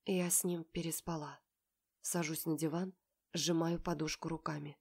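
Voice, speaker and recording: A woman's voice: low-pitched, little pitch movement, normal speed, vocal fry, a little mellow, slightly rough. Woman narrator, first-person audiobook, emotional, heartbroken tone.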